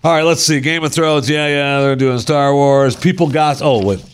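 A man's voice: fairly high pitch, normal speed, smooth. A man co-hosting a casual chat show, reading odd news stories aloud, laughing often and putting on mocking voices.

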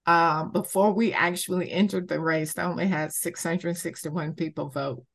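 A woman from Georgia answering interview questions conversationally, in a measured, deliberate way. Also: lowish voice, fairly even intonation, gravelly. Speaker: interviewee, community campaigner.

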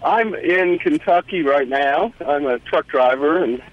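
Hesitant male caller on a muffled phone line. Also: fairly high pitch. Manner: hesitant, halting, laughs easily. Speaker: caller, truck driver. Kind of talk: phone-in call.

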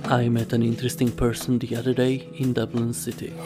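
A man hosting a podcast who narrates from a script in short, measured sentences. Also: medium pitch, completely flat delivery, loud music behind the voice. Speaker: podcast host.

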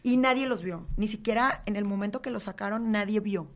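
A woman speaks as an interview guest in a voice of middling pitch. She tells her story earnestly and haltingly, filling pauses with "este" and "eh". She often sinks into a quiet, subdued tone. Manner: earnest, halting, with frequent fillers. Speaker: podcast guest.

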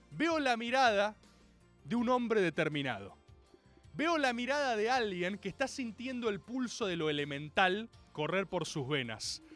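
A young man with a Rioplatense Argentine accent tells a stand-up story with mock-solemn grandeur, now and then shouting out the voices of the people in it. His voice sits very high for a man and climbs and falls in wide, lively swings. Faint music plays behind him. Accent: Rioplatense Spanish. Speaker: comedian.

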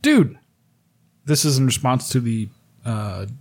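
A man's voice: mid-range voice, big pitch swings, slow pace. A man from New York State with an American accent, co-hosting a podcast in casual, profane banter with an offhand, wry manner. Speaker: podcast co-host.

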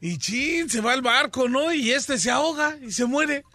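A Mexican co-host on a comedy radio show, slangy and animated as he tells jokes. His voice is very high and bright, and the studio sounds dry. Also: normal speed, no echo. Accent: Mexican Spanish. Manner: slangy, animated joke-telling with acted voices.

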